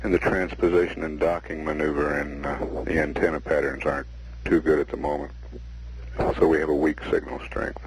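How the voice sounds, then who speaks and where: A man giving measured, matter-of-fact status commentary as a mission control announcer on a 1960s broadcast. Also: very deep voice, flat delivery, noisy background.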